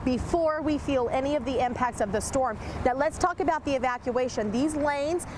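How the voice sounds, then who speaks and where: A woman's voice: high voice, moderate pace. A woman field reporter giving an explanatory, emphatic live news report from outdoors. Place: outdoors beside an interstate highway. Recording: noisy outdoor roadside with traffic. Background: vehicle and road noise.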